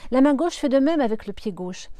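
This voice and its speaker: Woman reading a storybook, mellow and dry. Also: sits high, expressive, brisk, no room sound. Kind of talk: storybook narration.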